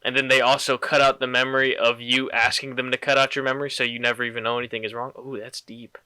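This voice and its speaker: A young man hosting a casual chat, joking and laughing often, his voice jumping higher when he gets indignant. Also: fast, clear, resonant tone, dry recording. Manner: animated, gets loud and high when indignant. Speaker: podcast host.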